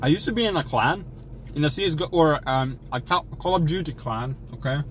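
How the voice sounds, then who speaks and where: A young man hosts a relaxed livestream, joking along in a folksy fake American drawl. His voice sits a little high for a man. A faint hum of noise runs under his talk. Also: fairly quick, poor audio. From Sweden. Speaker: streamer. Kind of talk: casual livestream chat while eating.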